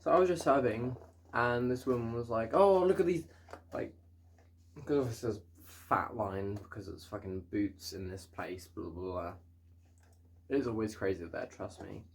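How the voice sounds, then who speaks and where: A man's voice: lowish voice, moderate pace, creaky, slight background noise. A young man in casual storytime chat, ranting in an exasperated, sweary way.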